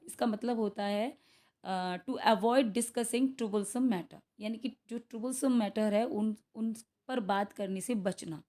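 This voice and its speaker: A young woman with an Indian accent takes students through practice questions for an exam. She switches between Hindi and English as she explains and reads each question out slowly. She checks in with her students often as she goes. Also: mid-range voice, mellow. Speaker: English teacher.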